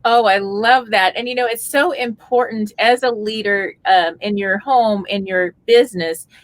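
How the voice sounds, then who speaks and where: A woman's voice: medium pitch, unhurried, no room sound. A woman hosting a radio interview show, reading an upbeat introduction and asking her guest questions.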